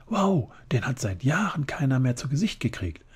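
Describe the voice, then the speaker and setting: A man voicing a small, sweet young grim-reaper boy who chats in a high voice, in a relaxed ASMR story reading. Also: normal speed, breathy edge. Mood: chatty. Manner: high, chatty.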